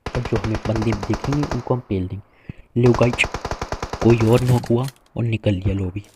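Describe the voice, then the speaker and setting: A man's voice: fairly low pitch, steady tone, normal speed, noisy background. A man giving playful, boastful live commentary to viewers while playing a shooter game, with gunfire behind him. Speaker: gaming streamer.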